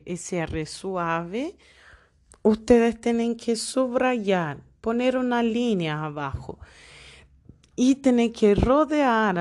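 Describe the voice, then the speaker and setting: Slow, deliberate woman teaching Spanish sounds. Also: mid-range voice, a little mellow. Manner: deliberate, reads out example words one by one. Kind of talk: pronunciation lesson.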